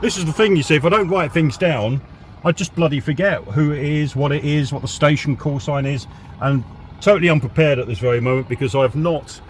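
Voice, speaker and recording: Talking fairly quickly in a fairly high voice, a southern English CB radio enthusiast who hosts videos demonstrates his gear, chatting informally and dropping radio jargon. Faint background noise is audible.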